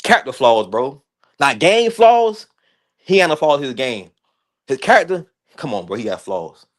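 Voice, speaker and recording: A man in his thirties arguing basketball in a casual, animated way, full of slang and repeated words. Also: medium pitch, moderate pace. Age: 30s. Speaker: guest debating basketball. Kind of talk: casual heated sports debate.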